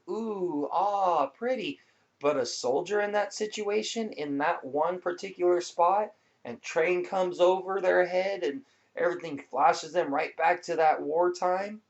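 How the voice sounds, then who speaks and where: With a high-pitched, gravelly voice, a man vlogs in a casual, informal way, rambling loosely as he explains things to viewers. The sound quality is dull and lo-fi.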